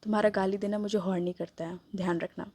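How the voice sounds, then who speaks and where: A woman voicing a possessive, teasing young man who stays calm while threatening, in a dry-sounding recording. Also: mid-range voice, quick pace, breathy edge, no room sound. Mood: teasing, menacing. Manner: smirking, coolly threatening. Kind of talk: read-aloud story dialogue.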